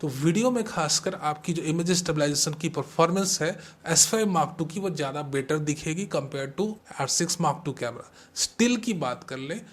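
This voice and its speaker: Guy reviewing cameras, highish voice, flips between hindi and english, goes spec by spec. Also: expressive, normal speed. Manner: mixes Hindi and English freely; explains step by step, comparing specs. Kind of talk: tech review talk.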